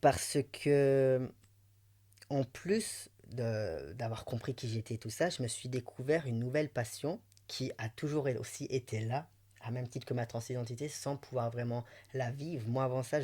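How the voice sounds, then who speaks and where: A Belgian man with a mild Belgian French accent, mid-pitched, sharing his personal story in an interview. He talks sincerely and emotionally and laughs easily, rambling warmly from one thought to the next. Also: moderate pace. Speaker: interview guest.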